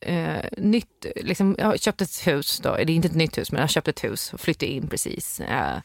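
A woman in casual chat, telling a story in a relaxed way. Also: sits low, creaky, no room sound, studio quality.

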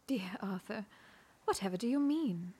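A woman playing a breathy, whispering Victorian wife. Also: on the high side, slow pace, a bit bright, full character voice. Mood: intimate. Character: Victorian wife Ida, anxious, hiding a guilty secret. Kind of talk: radio drama acting.

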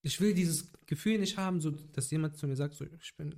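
Young male podcast guest, higher voice, casual slangy storyteller. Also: brisk, darkish tone. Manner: rambling, street slang, many restarts.

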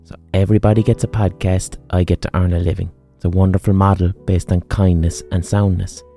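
A man's voice: sits low, level tone, a little fast, gravelly, mellow. An Irish man podcasting solo in a casual, sweary, informal way, repeating phrases for emphasis. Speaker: podcast host. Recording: music behind the voice. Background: instrumental music.

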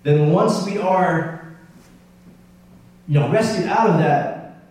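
A man preaching a sermon in a relaxed, conversational and self-deprecating way, with many restarts. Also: high voice, takes it slowly. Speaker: pastor. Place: church sanctuary. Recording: roomy, distant church mic with hum.

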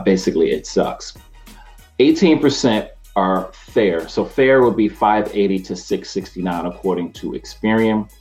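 Deep-voiced energetic man hosting a show. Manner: energetic, chatty, laughs easily. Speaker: host, mortgage professional. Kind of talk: casual talk to camera.

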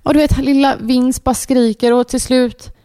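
A woman's voice: high-pitched, clear, resonant tone, no room sound, studio quality. Swedish woman telling a frantic story. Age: 30s. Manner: animated storytelling, acting out quoted panic. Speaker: podcast co-host. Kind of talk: casual chat.

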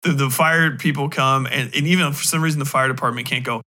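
A podcast host rants casually and profanely about a movie, sounding sarcastic, exasperated and emphatic. His medium-pitched voice is bright and forceful, fairly even in intonation, and he talks quickly.

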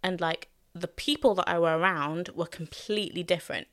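In casual conversation, a young London woman reflects openly on her student days as a guest, filling her speech with fillers and laughing easily. She talks fairly quickly in a voice on the low side and a bit bright. It's recorded with studio quality and no echo.

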